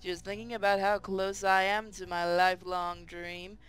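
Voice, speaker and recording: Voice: medium pitch, little pitch movement, normal speed, a bit bright, clear, resonant tone, soft background music, lightly acted. A man voicing a boastful, gleeful young female pirate captain, reading a visual novel with theatrical, triumphant declaiming. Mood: gleeful boasting. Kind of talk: hobby visual novel read-aloud.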